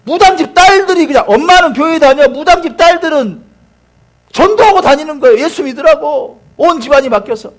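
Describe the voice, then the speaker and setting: A man's voice: extremely high pitch, expressive, brisk. A male pastor preaching a sermon, telling a story animatedly with rhetorical questions.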